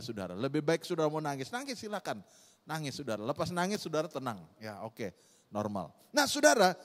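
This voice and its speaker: Middle-aged male pastor, high voice, sermon delivery that swings between loud and hushed, church hall with long echo.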